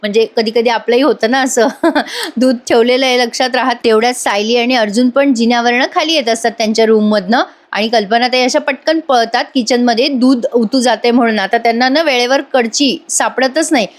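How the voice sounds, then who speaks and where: A woman's voice: on the high side, fairly quick, few pauses. A woman chattily retelling a TV serial episode and speaking straight to her viewers, taking on the characters' lines as she goes. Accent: Marathi. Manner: chatty, addresses the viewers directly. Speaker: serial recap narrator. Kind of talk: retelling a TV episode with voiced quotes.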